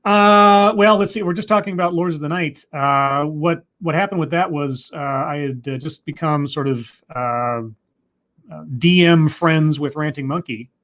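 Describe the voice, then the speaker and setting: A man's voice: fairly high pitch, moderate pace, fairly bright tone. Rambling man reading out livestream comments. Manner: rambling and self-deprecating, with frequent restarts and laughs. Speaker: YouTuber hosting a livestream Q&A. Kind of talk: casual livestream chat reading viewer comments.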